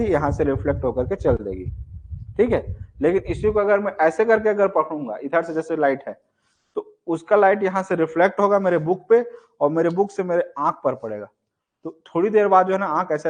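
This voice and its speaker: A male teacher giving a live exam-prep class, explaining step by step, often checking whether students understand, and showing points with a book in his hands. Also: fairly high pitch. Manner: explanatory, repeats "ठीक है" and quiz questions; demonstrates with gestures and a book. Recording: dull lo-fi sound with faint noise.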